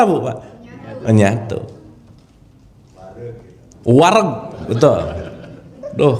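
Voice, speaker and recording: Lively high-voiced man teaching a class. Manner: chatty, quizzes the audience, laughs often. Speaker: spiritual teacher. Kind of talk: informal religious lecture to an audience.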